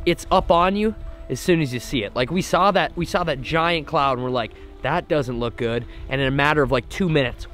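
A young man vlogging about his fishing trip outdoors, talking casually and excitedly into a camera held at arm's length. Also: mid-range voice. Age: young adult. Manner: excited, chatty, lots of "like" and "literally". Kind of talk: casual vlog narration. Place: outdoors on a boat on a lake. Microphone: action camera at arm's length.

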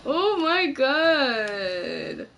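A woman's voice: high voice, sing-song, extremely slow, gravelly, a bit bright, a little hiss or hum. Jumpy Mexican woman gaming. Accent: Mexican Spanish. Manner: jumpy, yelps and shrieks when startled; swears playfully, talks to herself. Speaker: gameplay streamer. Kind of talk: casual gameplay commentary.

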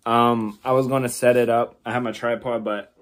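A man's voice: mid-range voice, flat delivery, normal speed. A man in his thirties chatting informally to his viewers in a casual homemade vlog. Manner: informal, swearing, addressing viewers as guys. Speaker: vlogger doing a food challenge. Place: small indoor room at home. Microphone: phone at about arm's length.

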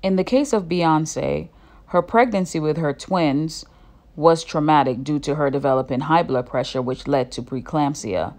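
Deep-voiced woman narrating a serious report. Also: normal speed, a little mellow. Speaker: commentary vlogger. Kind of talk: scripted narration.

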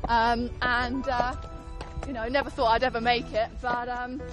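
A woman's voice: on the high side, flat delivery, moderate pace, over music. A woman in her twenties from East Sussex, a contestant talking casually with some hesitation. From East Sussex, England. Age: 20s.

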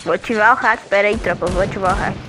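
A man with a Brazilian accent and a high, light voice calls out a shooter match as he plays. He trash-talks rivals and grumbles about his connection. Loud game gunfire rattles beneath his voice. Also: fairly even intonation, fast talker, background noise. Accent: Brazilian Portuguese. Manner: trash-talking, complaining about lag. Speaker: gamer streamer. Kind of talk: live gameplay commentary.

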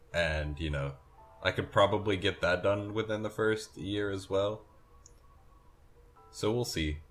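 Sleepy young man, deep voice. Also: fairly bright tone. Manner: rambling, self-correcting, yawning. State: sleepy, yawning. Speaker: gameplay commentator. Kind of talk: casual game commentary.

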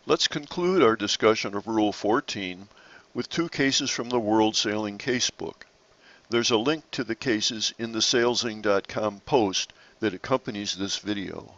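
A man narrating a slide-based lesson on sailing rules in a measured, explanatory way. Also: on the low side, a bit bright, muffled recording. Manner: measured, explanatory, occasional restarts.

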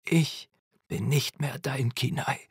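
A man's voice: mid-range voice, measured pace, gravelly, slightly rough, no echo, clean studio sound. A man voicing a bitter young boy in an audiobook who speaks threateningly, often half-whispered. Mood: cold. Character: bitter, menacing young boy with fire powers. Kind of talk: audiobook character voice.

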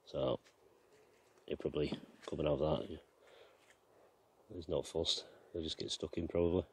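Unhurried and slightly rough, a very deep, low voice guides a relaxed walk-around of an allotment and garden. The gardening vlogger rambles with plenty of ums and you-knows while filming outdoors on a handheld camera.

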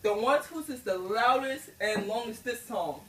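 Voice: medium pitch, moderate pace, fairly bright tone. Someone goofing around in a challenge vid, slangy casual chat, far from the mic, echoey. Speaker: challenge participant. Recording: roomy, distant mic, background noise.

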